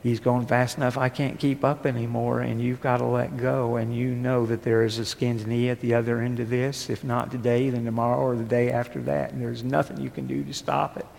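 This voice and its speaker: A male pastor delivers a sermon, his voice slipping between near-whispered tenderness and strong, emphatic preaching. His tone carries a gravelly texture. The sound rings with long reverb from a large hall, with a faint noise floor underneath. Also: mid-range voice, flat delivery, fairly quick, hardly any pauses. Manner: shifts from hushed, tender speech to rising, forceful preaching.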